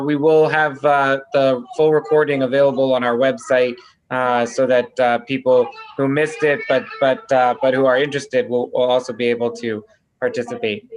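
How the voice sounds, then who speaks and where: A man's voice: mid-range voice, a little hiss or hum. A man, a rabbi hosting an online congregation discussion, speaking hesitantly with many fillers. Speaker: rabbi, host.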